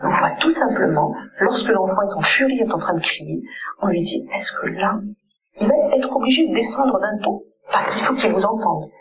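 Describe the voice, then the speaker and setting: A woman's voice: medium pitch, animated, moderate pace, low-quality recording. A woman child psychologist giving an earnest conference lecture and often checking in with her audience.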